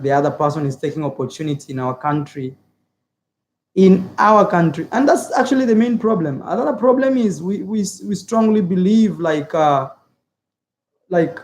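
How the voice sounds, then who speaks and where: A man's voice: fairly high pitch, darkish tone, a little hiss or hum. A man from Africa giving his opinions in a casual vlog, earnest and repetitive, with many filler words. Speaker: YouTuber. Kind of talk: casual opinion vlog, reading viewer comments.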